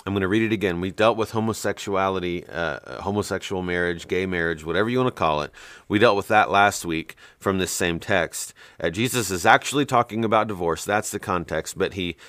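A deep-voiced man teaches from scripture in a blunt, emphatic monologue, full of ums and quick restarts. His voice is very low and sits dry and close, with no room sound around it. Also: fairly bright tone, dry recording. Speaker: Bible teacher and show host.

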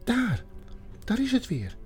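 A man's voice: wildly swooping pitch, moderate pace, soft background music. A man doing a nervous, watchful older girl. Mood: tense. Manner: high, hushed and urgent pointing.

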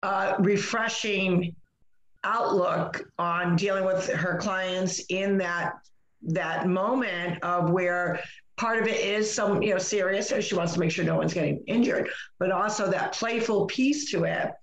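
A woman's voice: on the low side, measured pace. A middle-aged woman chatting casually, rambling through anecdotes and acting out the exchanges, in a roomy, echoing recording. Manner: rambling, acts out quoted exchanges. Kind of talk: casual chatty storytelling in conversation.

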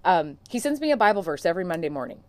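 A woman's voice: on the low side, big pitch swings, rapid-fire, dry recording. A woman hosting her own podcast as a coach, talking straight to listeners in an earnest, encouraging, conversational way. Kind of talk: solo podcast monologue.

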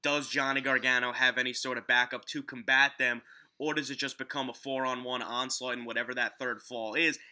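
A man's voice: medium pitch, level tone, fairly quick, sharp tone. A man hosting a casual sports podcast, recorded in a home basement. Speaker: podcast host. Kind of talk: casual sports podcast chat about wrestling.

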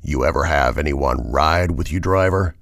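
A man voicing a menacing male trucker who speaks over the CB in a slow, low, ominous drawl. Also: creaky, a bit bright, dry recording, studio quality, heavily acted.

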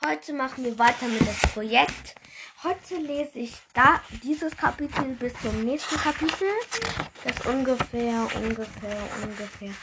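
A woman's voice: a little high, unhurried, very noisy. A woman reading a children's book aloud, unpolished and stumbling over words now and then. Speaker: reader.

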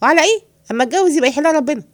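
A woman with an Egyptian accent voicing a jittery young male servant who pleads in a high, quick voice. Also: animated, no room sound, studio quality. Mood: excited. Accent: Egyptian Arabic.

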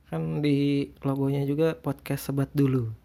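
A man's voice: medium pitch, flat delivery, a little slow, gravelly, mellow. A man with a speech impediment on his r's chats casually as a solo podcast host, hesitant and rambling. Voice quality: speech impediment, cannot pronounce r cleanly (cadel). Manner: hesitant, rambling, self-deprecating.

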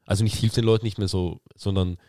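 A man's voice: sits low, quick pace, no room sound, clean studio sound. A young man chatting casually on a podcast, telling stories in slangy speech and acting out what friends said. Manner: animated storytelling, slangy, acts out quoted friends. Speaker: podcast co-host. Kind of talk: casual chat.

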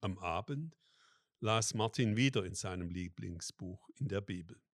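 Ein Mann liest langsam und ruhig eine christliche Adventsgeschichte vor und spricht danach einen Segen. Seine Stimme liegt eher tief und klingt trocken, ohne Raumhall. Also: male voice, sits low, dry recording, studio quality. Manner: slow, calm, devout. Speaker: story reader and prayer leader.

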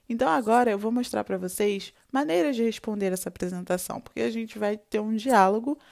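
A woman's voice: medium pitch, vocal fry, darkish tone. A Brazilian woman with a Brazilian Portuguese accent, teaching a French lesson, explaining patiently, recapping and modeling short dialogue lines. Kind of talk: online language lesson.

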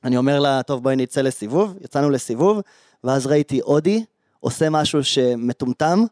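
A man's voice: medium pitch, no room sound. Podcast host, male, storyteller who acts out quotes, dry close mic. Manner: animated, acts out quoted dialogue. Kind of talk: casual storytelling chat.

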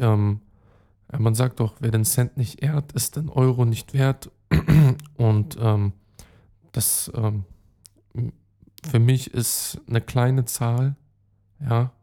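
This podcast host is a young man whose medium-pitched voice is creaky and mellow. On his casual solo show he talks right to his listeners, rambling with lots of fillers, restarts, and street slang.

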